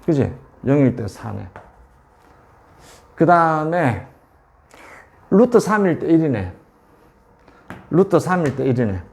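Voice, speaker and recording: This math tutor's voice is a little high and darkish, very animated yet slow, with vocal fry and long pauses. He teaches calculus at a whiteboard, repeating values and frequently confirming that students follow.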